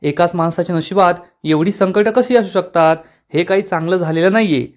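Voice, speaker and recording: एक पुरुष काळजीत पडलेल्या मावशीच्या ओळी वाचतो. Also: male voice, high voice, a little fast, close to an everyday voice. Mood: worried. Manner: anxious, fretful. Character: worried older aunt.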